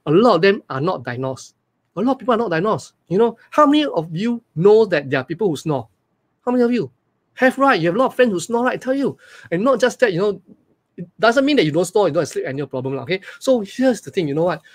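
Malaysian guy in his 40s doing a live webinar on webcam, high voice, rattles along fast. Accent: Malaysian English. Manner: energetic, repetitive, asks the audience questions. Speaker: online business coach. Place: small room indoors. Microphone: webcam on a video call.

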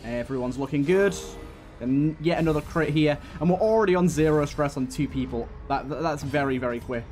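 This gaming channel host has a slightly high yet darkish voice and speaks a bit quickly. He gives laid-back commentary on his play, thinking through tactics aloud, with game music behind him.

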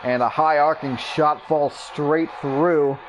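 A man with a fairly high voice calls basketball plays in short, punchy phrases, like a television sportscaster. He gets excitable, his voice leaping up whenever something big happens. A faint hiss of background noise sits under the voice. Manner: brisk clipped call of each play. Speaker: YouTube gaming creator. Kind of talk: mock play-by-play basketball commentary.

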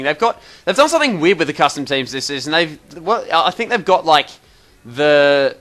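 A man's voice: a little high, sharp tone. Chatty Australian man explaining a game. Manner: rambling and chatty, full of fillers and restarts, mildly exasperated. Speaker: gaming video host. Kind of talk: casual game tutorial commentary.

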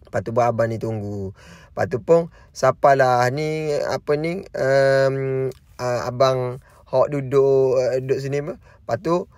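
A man talks through his vlog in a loose, rambling way, chaining one thought onto the next. His voice sits at an ordinary middle pitch. The sound is dry and close, with no room echo. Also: a little mellow. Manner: rambling, repeats "lepas tu pun" often. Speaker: vlogger. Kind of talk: casual vlog narration.

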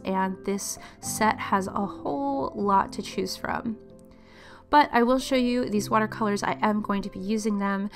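A woman chats her way through an art supply review, her voice a little raspy as she gets over a cold. She talks in a loose, meandering way with small laughs and asides, at a middling pitch. Faint music plays underneath. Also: a bit bright. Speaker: art channel host. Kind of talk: casual product review vlog.

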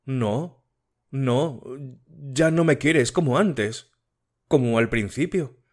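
A man's voice: medium pitch, slow, a little mellow, close to an everyday voice. A man voicing a sickly, tearful young woman in an audiobook, pleading with her fiancé. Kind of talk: audiobook character reading.

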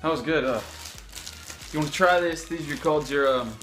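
A man's voice: a little high, normal speed, a bit bright, soft background music, low-quality recording. A young man chatting casually to camera as a vlogger, rambling with unsure asides. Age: young adult. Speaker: YouTube vlogger. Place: home kitchen.

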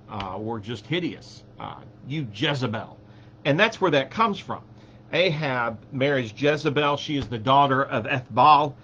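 A man leading a church Bible study, talking it through in a halting, conversational way with many fillers and restarts. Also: medium pitch, fairly bright tone. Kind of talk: slow conversational Bible teaching. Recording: dull lo-fi recording with faint hum.

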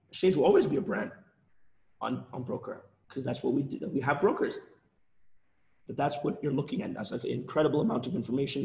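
Guy on a webinar call, voice kinda going, lots of restarts and repeats, roomy echo, middle pitch. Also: gravelly, a little mellow. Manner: rambling, with frequent restarts and repeated words. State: losing his voice. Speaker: webinar presenter. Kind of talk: casual live webinar talk. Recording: roomy echoey sound.

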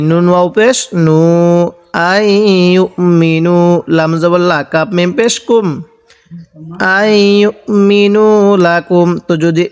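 A man teaching Quran reading, spelling each letter and vowel aloud and then drawing the words out slowly. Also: high-pitched, clear, resonant tone. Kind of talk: slow spelled-out recitation lesson. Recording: long reverb, roomy sound.

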